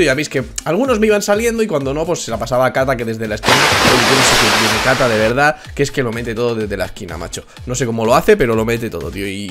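A young man from Spain, slightly hoarse from a cold, giving casual, excitable gameplay commentary. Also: medium pitch. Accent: Spain Spanish. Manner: excitable, swings into shouting and laughing. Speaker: gaming YouTuber. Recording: music playing underneath.

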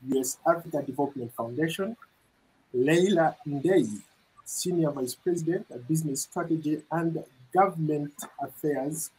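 A middle-aged man reporting and hosting a news interview, speaking in a measured way, with fillers when he ad-libs. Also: fairly high pitch, darkish tone, breathy edge, rough recording. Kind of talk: broadcast news narration and interviewing. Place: studio with branded backdrop. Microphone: lapel mic.

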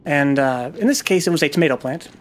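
A man's voice: a little high, expressive, fast talker. A man casually commenting on his gameplay while telling a long, rambling personal story, swearing freely and poking fun at himself. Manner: rambling, profane, self-deprecating storytelling. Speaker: gaming video host.

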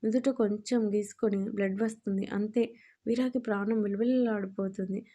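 A woman reads a romance story aloud with a mellow, relaxed voice. She speaks the lovers' lines with small shifts but stays close to her own even delivery. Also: medium pitch, moderate pace, muffled recording.

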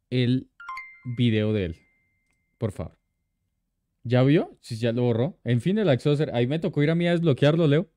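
A man's voice: mid-range voice, warm tone, dry recording, studio quality. A man, streaming live and chatting casually, greeting and thanking viewers by name.

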